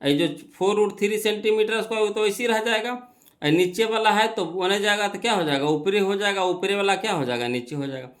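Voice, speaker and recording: Man, math teacher, fairly high voice, step-by-step explaining, repeats himself. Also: a little fast, fairly bright tone. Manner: explains step by step, asks and answers his own questions, repeats key phrases. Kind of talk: exam-prep math lesson.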